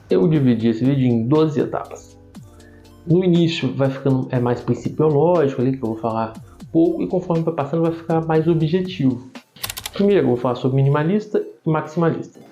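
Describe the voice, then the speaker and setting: A man's voice: fairly high pitch, dark tone. A man with a Brazilian Portuguese accent and slightly tongue-tied articulation, giving an informal, didactic video lesson as a writing tutor. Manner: didactic, enumerating points. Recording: dull lo-fi sound, music behind. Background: background music.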